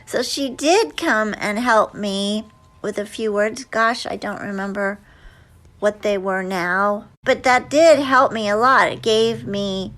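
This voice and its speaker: A woman in an interview answers slowly and at length, drifting through her memories with many fillers and restarts. Her voice sits at an ordinary middle pitch. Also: a bit bright. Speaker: actress guest.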